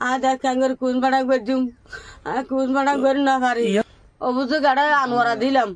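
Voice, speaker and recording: A woman's voice: high voice, little pitch movement, a little fast. A woman with a Chittagong accent gives plaintive, unscripted testimony as a bereaved mother, repeating her phrases. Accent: Chittagong, Bangladesh. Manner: repetitive, plaintive. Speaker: bereaved mother being interviewed.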